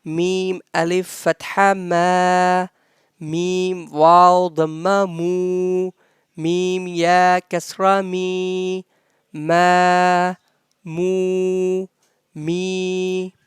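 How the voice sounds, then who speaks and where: Quran teacher going super slow through letter drills, flat even tone, really crisp and dry. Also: medium pitch, dry recording. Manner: drawn-out, careful drilling of syllables. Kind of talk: slow letter-by-letter recitation lesson.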